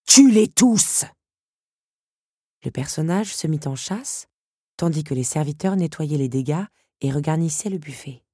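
A woman reading a storybook aloud in a measured, descriptive way. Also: sits low, mellow, breathy edge, dry recording, studio quality. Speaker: audiobook narrator. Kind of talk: scripted storybook narration.

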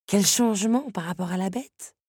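A woman narrating a novel aloud in a measured, even storytelling manner. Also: mid-range voice, husky, dry recording, studio quality. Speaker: audiobook narrator.

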